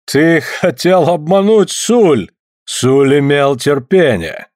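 A man reading a story aloud, voicing a patient older northern man who speaks in slow, broken phrases. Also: fairly high pitch, animated, darkish tone, dry recording, studio quality, pitched above the performer's own voice. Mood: deliberate. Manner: broken, simplified speech, slow and deliberate.

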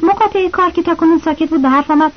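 A woman narrating a novel as an audiobook, reading the characters' lines in her own voice with small shifts. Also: very high-pitched. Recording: slightly dull lo-fi audio.

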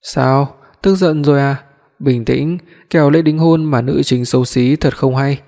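A man reading a mocking, sharp-tongued young heroine. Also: medium pitch, measured pace, creaky. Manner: mocking, teasing. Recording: long hall reverb.

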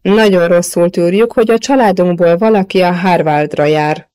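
A woman's voice: lowish voice, steady tone, dark tone, lightly acted. A woman reading the part of a jovial, boastful middle-aged man in an audiobook novel. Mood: joking.

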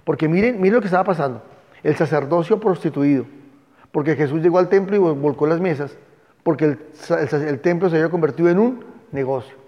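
A fairly high yet dark-toned male voice speaks fast as the man teaches a Bible class with emphasis, stopping to spell words aloud for his students. The room sound is echoey and dull.

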